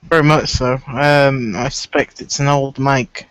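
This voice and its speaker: A man's voice: medium pitch, fairly even intonation, a little slow, fairly bright tone, clean tone. A man hosting a casual live stream, talking in a laid-back, dry way. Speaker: stream host. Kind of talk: casual chat.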